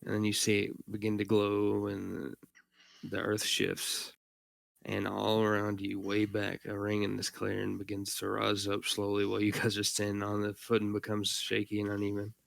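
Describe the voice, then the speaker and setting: A man narrating as game master in a tabletop game, pausing often with fillers. His voice is low and deeply gravelly, with a very flat pitch. The sound is dry and close. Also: no echo. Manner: halting, filler-laden narration.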